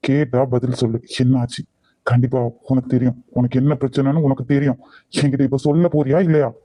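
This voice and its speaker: A man's voice: mid-range voice, level tone, quick pace, warm tone, no echo, lightly acted, poor audio. A man voicing a young husband in a cartoon drama, loving but short-tempered, given to pushy, scolding questions. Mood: angry.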